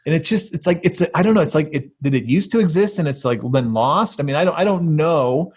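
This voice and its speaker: A man's voice: a little high, expressive, fast talker, husky. Podcast guy rambling along, lots of likes and you knows, pretty emphatic. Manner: rambling, emphatic, heavy on fillers. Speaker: podcast co-host. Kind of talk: casual podcast conversation.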